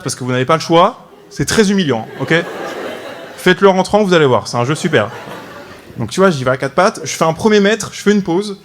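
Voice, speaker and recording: A man's voice: on the high side, slight background noise. A man in his twenties performing a stand-up comedy routine, telling a story with frequent "ok?" asides to the audience. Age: 20s. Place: comedy stage before a live audience.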